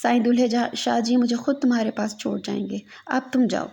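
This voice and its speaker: A distraught young daughter pours out her fervent vow, saying it again and again, as a woman reads her part in a story. Her voice is gravelly and husky, pitched a little high. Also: fairly even intonation, dark tone. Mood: pleading. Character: distraught young woman vowing to stay at a shrine.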